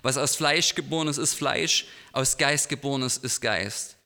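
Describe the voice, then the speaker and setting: A solemn male teacher speaks with gentle irony and slow emphasis, as a preacher puts him on. His voice is bright and lifted. The words ring out in a reverberant church. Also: medium pitch, smooth. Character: calm male religious teacher, gently ironic. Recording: long hall reverb in a church.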